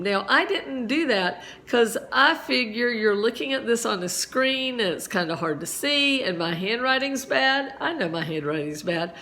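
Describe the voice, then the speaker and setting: A woman's voice: mid-range voice, fairly bright tone. A middle-aged woman teacher explaining a physics lesson step by step, chatty and full of asides, with a slight cough.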